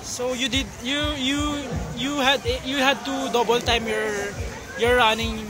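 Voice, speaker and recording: A man doing an informal interview, halting and rewording his questions as he goes. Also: extremely high pitch, flat delivery, rough recording. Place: outdoors at a busy race event. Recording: crowd and music outdoors. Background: crowd and music.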